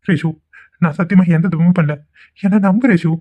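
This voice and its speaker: Cartoon: scheming young man, theatrical pleader, high-ish voice, voiced by a man, lo-fi phone sound. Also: steady tone, fairly quick, close to an everyday voice. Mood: pleading. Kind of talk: amateur cartoon voice acting. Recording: tinny phone-like lo-fi audio.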